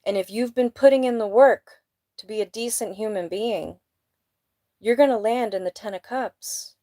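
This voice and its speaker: A woman's voice: on the high side, moderate pace, mellow, no echo. A woman giving a casual live tarot reading, blunt and emphatic, with a sniffly nose, indoors at home. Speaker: tarot reader.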